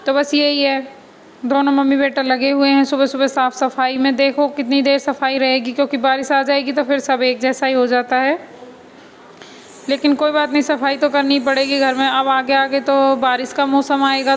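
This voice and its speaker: A woman's voice: high voice, low-quality recording. A young woman casually chatting to viewers as a vlogging mother, explaining her housework around the house and courtyard. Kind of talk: casual home vlog chat.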